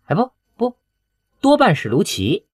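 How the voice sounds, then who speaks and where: A man's voice: high-pitched, huge pitch swings, unhurried, no room sound, clean studio sound, pitched above the performer's own voice, exaggerated voice. A male audiobook reader voicing a gossipy young male office coworker who talks in a dismissive, chatty way. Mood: know-it-all. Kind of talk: audiobook character voice.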